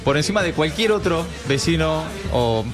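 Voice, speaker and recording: An Argentine man hosts a casual radio chat, presenting light news items with an easygoing, jokey delivery. His voice sits a little high. A clear music bed plays under him. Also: animated, moderate pace. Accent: Argentine Spanish. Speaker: radio host.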